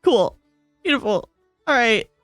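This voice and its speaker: A woman acting as game master of a streamed tabletop game, playful and quick to laugh, with halting restarts. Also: on the high side, expressive, a bit bright, no room sound, clean studio sound, soft background music.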